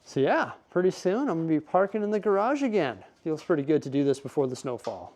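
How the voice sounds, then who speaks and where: A man's voice: a little high, very animated, fast talker, darkish tone. A man chatting casually and upbeat in a vlog as he tidies his garage and studio, rambling through asides. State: out of breath. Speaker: vlogger.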